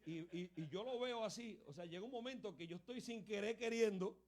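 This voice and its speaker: Male preacher, lively storyteller, slightly high voice, church sermon. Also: fairly quick. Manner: animated, tags lines with "hermano" and "pastor".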